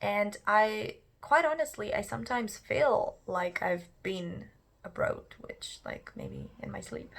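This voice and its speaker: A woman's voice: medium pitch, big pitch swings, slow pace, vocal fry. A talkative young woman in her twenties from Kazakhstan with a Kazakh accent, English not her first language, chatting casually to camera with lots of fillers and restarts. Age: 20s. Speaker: YouTuber, English learner.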